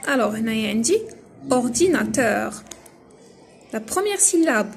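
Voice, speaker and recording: A woman teacher with a Moroccan accent explaining a first-grade lesson, mixing quick chat with slow, syllable-by-syllable spelling. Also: on the high side, darkish tone, slightly rough. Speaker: primary school teacher. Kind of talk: video lesson mixing Darija and French.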